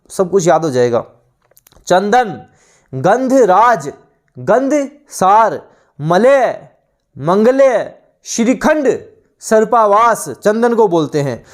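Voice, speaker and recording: High-voiced Hindi exam-coaching teacher. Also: male voice. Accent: Rajasthani Hindi. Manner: urgent, motivating, repeats word lists drill-style. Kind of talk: exam-prep online lesson.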